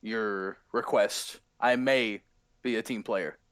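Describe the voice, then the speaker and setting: A man's voice: on the low side, steady tone, slow, fairly bright tone, clean tone, no room sound, clean studio sound, voice pushed down. Man putting on a theatrical evil-clown griffin spirit. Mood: haughty, grudging.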